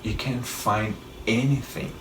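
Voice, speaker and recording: A middle-aged travel vlogger with a Brazilian Portuguese accent rambles through travel tips in a casual monologue, often restarting his sentences. His mid-range, fairly bright voice stays steady and takes things slowly. The mic is roomy and distant, with faint ambience and slight background noise.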